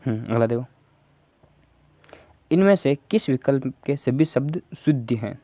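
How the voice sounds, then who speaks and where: A man's voice: medium pitch, lively intonation, measured pace, dark tone, no room sound. A man teaching Hindi grammar for an exam, going through answer options step by step and prompting viewers to answer. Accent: Rajasthani. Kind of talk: exam prep lesson.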